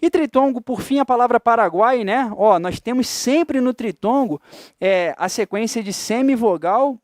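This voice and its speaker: A man's voice: sits high, a little mellow, no room sound, studio quality. A man giving a classroom lecture, chatty and constantly checking in with his students. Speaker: teacher.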